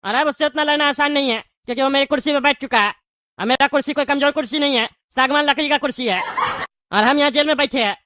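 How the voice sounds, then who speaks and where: Woman as bald cartoon politician man: boastful, cowardly, quick and shrill, dry sound. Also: sharp tone, no echo. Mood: blustering. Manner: whiny, blustering then grovelling. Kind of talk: cartoon voice acting.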